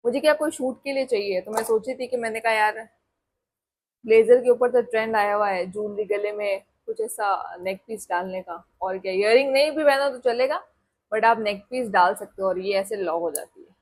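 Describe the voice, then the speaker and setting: Young woman vlogging, rambly chat, kinda husky, bit high pitched, calls everyone guys. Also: normal speed. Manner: chatty, rambling, addresses viewers as guys. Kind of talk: casual chat to camera.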